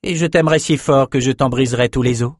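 Audiobook figure: a man as a defiant young warrior woman. Raised pitch, blunt threats. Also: fast, no room sound, studio quality, close to an everyday voice. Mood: menacing.

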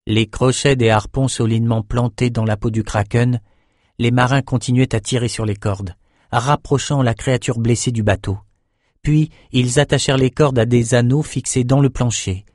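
In a dry, studio-quality recording, a man narrates a fantasy audiobook. His mid-range voice keeps a measured, steady storytelling pace.

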